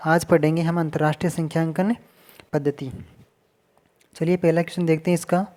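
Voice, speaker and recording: Male teacher, patient, counts out loud step by step, warm mellow tone. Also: on the high side, flat delivery. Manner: patient, repeats and counts digits aloud slowly. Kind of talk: casual classroom explanation at a board.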